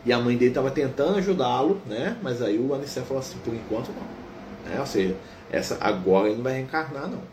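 Man, Brazilian Portuguese accent, study leader, slow deliberate reading, casual explaining, constant tag questions, echoey room, faint background noise. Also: medium pitch, expressive. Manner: casual explaining, ends nearly every phrase with a tag question; reads quoted passages slowly and deliberately. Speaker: study group leader reading a spiritual book. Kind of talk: reading aloud and explaining a religious text. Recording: roomy echo with faint ambient noise.

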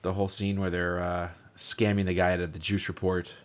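A man's voice: low-pitched, a little fast. A man co-hosting a casual podcast, joking and cursing as he chats about movies. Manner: joking, animated, swears casually. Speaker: podcast co-host. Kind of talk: casual chat. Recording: dull lo-fi audio.

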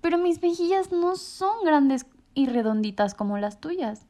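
A woman's voice: high-pitched, dark tone, voice pushed up. Woman doing a sighing sorry penguin lady. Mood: apologetic. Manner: sighing, slow, apologetic. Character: sad sighing female penguin.

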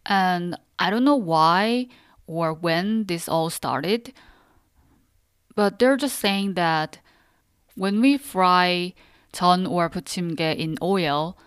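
Slow, clear-voiced woman teaching on a podcast. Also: lowish voice, dry recording, studio quality. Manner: simple explanations addressed directly to learners. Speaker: host of a Korean lesson podcast. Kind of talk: instructional podcast narration.

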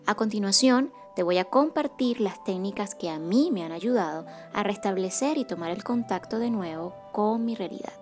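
As a psychocorporal facilitator hosting a wellness podcast, a woman reads a scripted monologue softly, calmly and with measured delivery. Her voice is mid-range, and faint music plays behind her.

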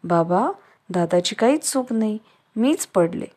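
A kind little sister in a children's story, voiced by a woman reader. The voice lifts well above the reader's own and stays gentle and earnest. It is a storyteller's sketch of a child. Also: medium pitch, animated, measured pace. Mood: comforting. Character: sweet, sensible little girl, kind to her brother.

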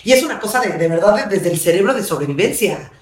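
A woman's voice: mid-range voice, lively intonation, fast. A Mexican woman talks parenting in an easygoing podcast chat, earnest and explanatory, now and then slipping into the voices of the mothers she works with. Her voice sits in a noticeably roomy, echoing space. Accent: Mexican Spanish. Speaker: parenting coach. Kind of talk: casual podcast conversation. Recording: roomy echo.

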